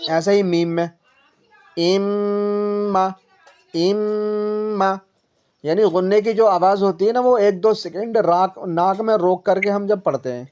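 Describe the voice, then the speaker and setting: A woman's voice: fairly low pitch, dark tone. A woman teaching a one-on-one Quran reading lesson, explaining patiently, repeating points, quizzing her pupil and stretching syllables out to demonstrate. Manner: patient, repetitive explaining with questions. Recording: dull lo-fi recording.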